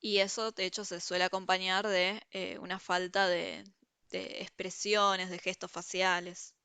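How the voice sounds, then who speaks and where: A woman teaches a university review class over a video call, her voice bright and crisp. She explains each point patiently and step by step, often pausing to check that her students follow. The sound is close and dry, with no room around it. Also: fairly low pitch, little pitch movement, dry recording. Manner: explanatory, checks understanding with frequent "¿sí?".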